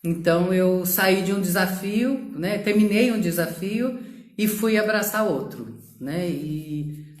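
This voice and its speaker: A lowish, darkish voice belongs to a middle-aged woman from São Paulo state in Brazil, who shares her career story during a casual live social media talk. She's reflective, leaning on fillers and tag questions, and the recording is reverberant.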